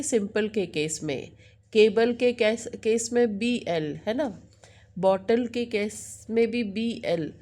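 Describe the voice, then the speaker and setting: Mixing Hindi and English, a middle-aged woman runs an English lesson, often checking on her listener and fixing her own words. Her voice is a little high and somewhat mellow.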